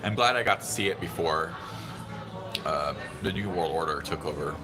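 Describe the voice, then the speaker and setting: Streaming from his phone in a crowded restaurant, a relaxed thirty-something host from San Diego, USA, rambles and reacts to his viewers' comments. His voice is low, his pace moderate, and diners' chatter fills the background.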